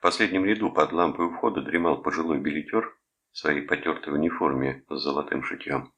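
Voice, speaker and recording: A man's voice: extremely low pitch, fairly quick, fairly bright tone, dull audio. A man narrating an audiobook expressively.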